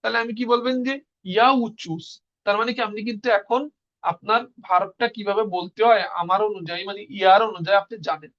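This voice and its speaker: A man's voice: high voice, steady tone, quick pace, a bit bright, dull audio. A man teaching Russian in an online class, explaining step by step and answering his own questions.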